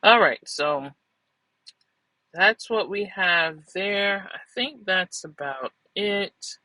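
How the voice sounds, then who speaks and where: A woman's voice: mid-range voice, very slow, bright, forceful tone, dry recording, poor audio. A woman hosting a trucking channel, chatting casually to viewers in a loose, rambling way and correcting herself as she goes. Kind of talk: casual vlog chat to viewers.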